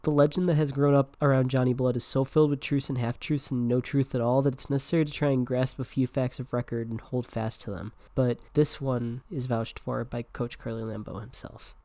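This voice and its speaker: A man's voice: medium pitch, steady tone, fairly quick, few pauses, mellow, dry recording. Brief: male podcast host, conversational read-aloud narration, dry recording. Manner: casual and conversational.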